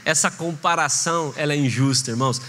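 In a reverberant church hall, a male pastor preaches an impassioned sermon in a slightly high, brisk, bright and forceful voice. He acts out short voices in the anecdotes he tells.

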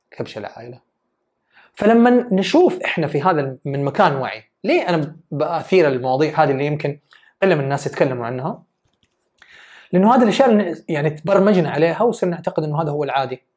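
A woman's voice: low voice, darkish tone. A woman giving an earnest, emphatic self-development talk. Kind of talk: motivational talk.

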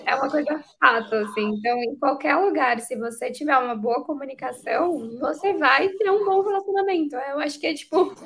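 A woman's voice: sits high, a bit bright. A woman from Brazil hosting a casual podcast, agreeing with her guest and summing up with lots of fillers. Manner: agreeing, sums up with many fillers like "né" and "assim". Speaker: podcast host.

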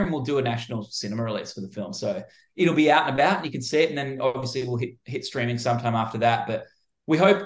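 A man's voice: mid-range voice, echoey room. A man with an Australian accent, a film director guest, talking eagerly about his film's release. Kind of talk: casual interview.

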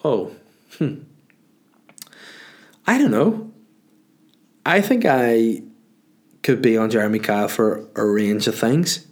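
A man with a head cold, sniffling as he speaks, hosts a podcast on his own, replying to listener questions. His voice is on the low side and a little slow, and his manner is casual and blunt, full of rambling and swearing.

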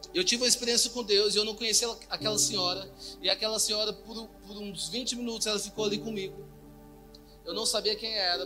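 A young man preaching a testimony sermon, repeating phrases and quizzing the congregation. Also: high-pitched. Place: church hall, indoors.

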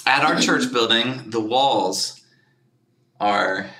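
Male church podcast host, energetic and chatty, bright tone, roomy echo, light noise. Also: medium pitch, takes it slowly. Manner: chatty, energetic, laughs often. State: out of breath. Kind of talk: casual chat. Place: church studio.

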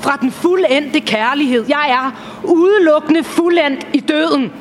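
A woman performing a dramatic stage reading in a measured, brooding way. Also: sits high, a little hiss or hum. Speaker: stage actor.

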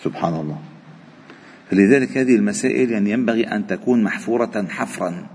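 Husky Lebanese sheikh preaching in a mosque hall. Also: male voice, lowish voice, quick pace. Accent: Lebanese Arabic. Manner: expressive, repeats phrases for emphasis, swings between calm and animated. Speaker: sheikh giving a Quran study lesson. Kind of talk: mosque sermon mixing classical Arabic and dialect.

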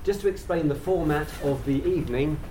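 A man chairing an event, introducing it in a courteous, measured and formal way. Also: fairly high pitch, mellow. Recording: distant mic, faint noise.

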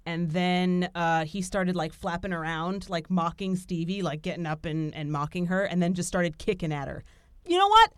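A woman hosting a podcast, telling stories in a lively casual chat with lots of fillers. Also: on the low side, normal speed, clear, resonant tone, no echo, clean studio sound. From Italian heritage. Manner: animated, storytelling with frequent fillers. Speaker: podcast host. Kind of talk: casual conversation.

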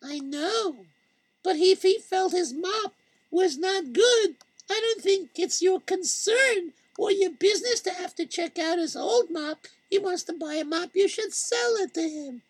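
A man voicing a fussy middle-aged female shopkeeper in a very high, thin voice. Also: measured pace, no room sound, poor audio. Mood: insistent. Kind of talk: storytelling with acted voices.

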